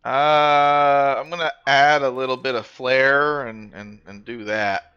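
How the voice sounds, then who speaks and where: A man's voice: mid-range voice, fairly even intonation, slow, sharp tone, clear, resonant tone. A man hosting a gaming video, teasing his brother with playful, sing-song commentary as they play. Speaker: gaming channel host. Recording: slightly dull audio with faint music.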